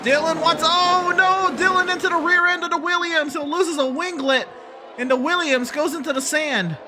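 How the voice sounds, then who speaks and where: A man calling a sim race in an excitable motorsport commentator style. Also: very high voice, normal speed, a little hiss or hum. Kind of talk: motorsport commentary of a sim racing game with casual chat.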